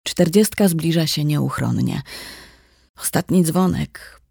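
Measured storyteller, fry in the voice, reading a novel. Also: mid-range voice, darkish tone, no echo, clean studio sound. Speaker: narrator. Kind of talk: scripted audiobook narration.

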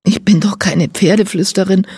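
A woman reading a children's audiobook, voicing a shy, gentle girl who speaks softly and soothes a horse. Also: medium pitch, steady tone, normal speed, slightly rough, no room sound, studio quality.

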